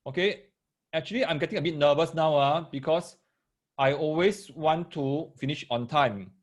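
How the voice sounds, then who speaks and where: A man's voice: a little high, moderate pace. A man with a Singaporean accent and Singlish particles, teaching maths in a live online lesson, explaining step by step, repeating phrases and checking that listeners follow. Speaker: maths tutor teaching parents and children.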